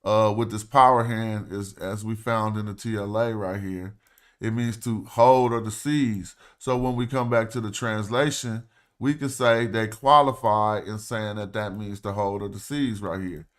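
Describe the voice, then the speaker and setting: A man's voice: lowish voice, fairly even intonation, a little slow. A man hosting a casual livestream, talking loosely and thinking aloud as he walks through ancient Egyptian words. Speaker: host. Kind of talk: casual livestream walkthrough of hieroglyph texts.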